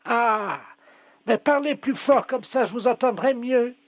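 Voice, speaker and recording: A man's voice: very high voice, measured pace, no echo. A man playing a muddled, hard-of-hearing old woman with a hearing aid on a prank call, mishearing everything in a fussy, plaintive way. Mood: confused.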